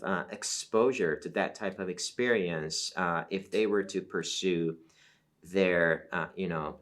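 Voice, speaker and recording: With a deep voice and a fairly bright tone, this middle-aged Iranian professor, a first-language Azeri Turkish speaker, is a guest in an academic interview. He explains calmly and deliberately, often falling back on fillers.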